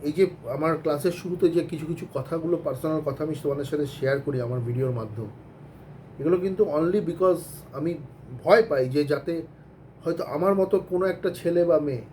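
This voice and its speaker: Man teaching accounts, fairly high and warm, earnest and rambling, mixing in English. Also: fast, a little hiss or hum. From Bengal. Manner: rambling, earnest advice with many restarts and English phrases. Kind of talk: casual spoken lesson to students.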